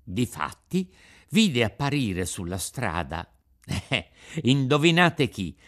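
A man's voice: medium pitch, very animated, takes it slowly, fairly bright tone. A man reading a classic children's story aloud with a theatrical, playful delivery. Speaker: audiobook reader. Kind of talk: scripted narration.

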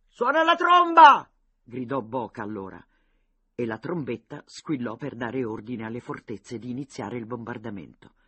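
Husky-voiced male audiobook narrator. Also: medium pitch, dry recording.

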